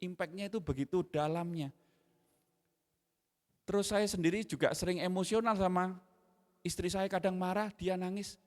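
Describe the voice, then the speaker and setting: A middle-aged man preaching a sermon in an animated way, dropping in slang. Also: high-pitched, normal speed, long pauses. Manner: animated, mixes in Javanese slang, acts out his own scolding. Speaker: pastor. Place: church hall. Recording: long hall reverb.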